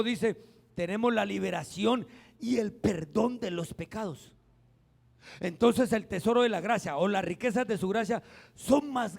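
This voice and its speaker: A middle-aged man, preaching a sermon as pastor, swinging between loud emphatic peaks and quiet acted-out asides. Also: sits high, vocal fry.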